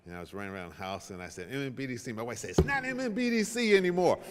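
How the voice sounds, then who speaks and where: Introducing a panel to an audience in a large, echoing event room, a middle-aged male moderator speaks informally, joking and poking fun at himself in a chatty way. His medium-pitched voice is very animated and rapid-fire, with big-room sound and a crowd audible in the background.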